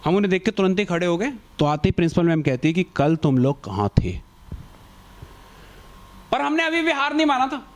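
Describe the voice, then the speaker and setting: A male stand-up comedian telling a school story in an animated way, acting out the people in it. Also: sits high, very fast, hardly any pauses. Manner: animated, acts out quoted characters. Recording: noisy live stage recording.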